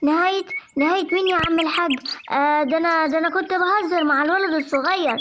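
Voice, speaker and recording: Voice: extremely high pitch, very fast. A performer voicing a greedy predator in a cartoon who gloats over its prey and grovels when caught, with an Egyptian accent. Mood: cowardly. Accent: Egyptian Arabic. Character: greedy predator, sly then cowardly. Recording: clear background noise.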